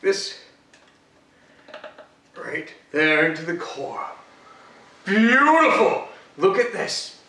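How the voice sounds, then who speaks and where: A young man's heavily acted Batman, a boastful adult hero hosting a comic cooking show, rambles with fillers in a cocky mood. His voice is on the high side and sing-song, extremely slow with frequent pauses, pushed and bright. A far-off camera mic picks up the echoey home kitchen.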